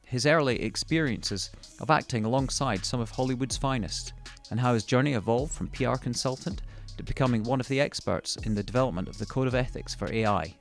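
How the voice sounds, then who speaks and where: A male podcast host with a voice of middling pitch speaks in a measured, formal way. He asks his guest questions at an even, unhurried pace. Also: gravelly, faint music behind. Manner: measured and formal when introducing. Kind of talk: scripted introduction and interview questions.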